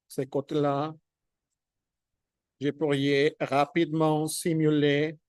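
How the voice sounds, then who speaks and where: Slow, halting man teaching marker drawing. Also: fairly high pitch, dry recording, clean studio sound. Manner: halting, thinks aloud while demonstrating; checks in with "ok?" often. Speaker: drawing instructor. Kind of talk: hands-on drawing tutorial.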